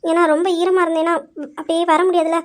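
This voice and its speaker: A woman's voice: very high-pitched, little pitch movement, fast. A woman voicing a young college girl in an amateur family drama, rambling through a polite explanation. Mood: explaining.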